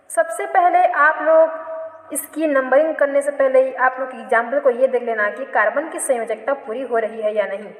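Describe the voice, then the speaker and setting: A woman chemistry teacher giving a classroom lecture, asking questions and answering them herself, often repeating and correcting herself. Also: high voice. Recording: echoey room, long reverb.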